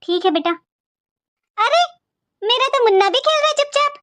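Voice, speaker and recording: Casting: a woman as a fretful, loving cartoon mother, gentle and high-voiced. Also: lively intonation, moderate pace, no echo. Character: caring, worried middle-aged mother.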